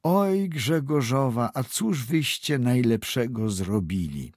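A man's voice: medium pitch, expressive, measured pace, a little mellow, husky, no room sound, studio quality, voice pushed up. A man doing a poor village widow mother. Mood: lamenting.

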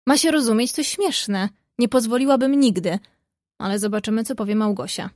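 A woman voicing an outspoken, quick-tempered young woman in a read-aloud story. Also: a little high, no echo, studio quality, natural voice. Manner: lively, outspoken.

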